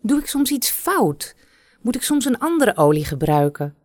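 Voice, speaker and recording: A woman's voice: fairly high pitch, very animated, normal speed, a little mellow, no echo, studio quality, pitched above the performer's own voice. A woman voicing a pleading young princess. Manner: pleading, worried questions.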